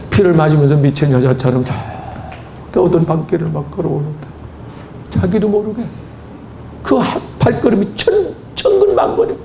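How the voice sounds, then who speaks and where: A man with a high, gravelly voice preaches a sermon as a pastor. He tells the story with drama, plays out every voice himself and bursts into shouted praise. A faint low rumble hangs behind him. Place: church hall at a retreat.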